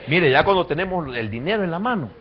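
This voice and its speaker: Male pastor, fairly high voice, animated preaching, muffled lo-fi recording. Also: fast talker. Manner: animated preaching, swinging from quiet to loud. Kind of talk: sermon.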